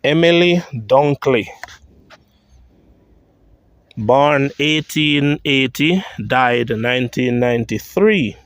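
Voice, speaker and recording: Slow-talking Jamaican man touring a cemetery. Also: mid-range voice, lively intonation, dry recording. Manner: reads grave inscriptions aloud, thinking out loud. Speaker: vlogger. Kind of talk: walking tour vlog. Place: outdoor churchyard cemetery.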